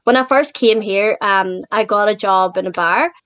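An Irish woman talking as a guest in a casual interview, candid and relaxed, laughing easily and saying "like" often. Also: medium pitch, moderate pace, no echo. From Ireland. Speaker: guest, online reseller.

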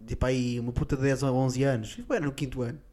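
A man's voice: mid-range voice, fairly even intonation, fast. A young man with a European Portuguese accent, co-hosting a comedy podcast with brash, theatrical banter. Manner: brash, theatrical, swings between loud outbursts and mumbles.

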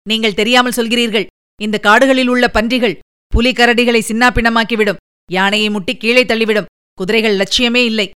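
A woman's voice: fairly high pitch, steady tone, a bit bright, clear, resonant tone, lightly acted. A woman reading aloud voices a fearful young nobleman who hurries through anxious, pleading warnings. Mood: alarmed. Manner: urgent, rapid warnings.

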